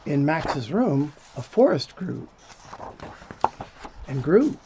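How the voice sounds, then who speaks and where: Reading slowly with big swings in pitch, a volunteer storyteller whose voice runs high shares a picture book informally and interactively, as though to young kids. The audio is dull and lo-fi, with a little background noise.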